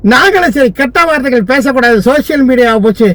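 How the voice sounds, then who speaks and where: A man's voice: very high voice, fast talker, a bit bright, no echo. A man from Tamil Nadu, a lawyer, delivering a furious, abusive political rant full of insults.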